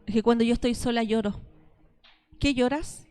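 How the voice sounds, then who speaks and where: A woman pastor preaches a sermon to her congregation. Her voice sits high, and she tells her stories by voicing both sides of each conversation. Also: normal speed, darkish tone, smooth, soft background music.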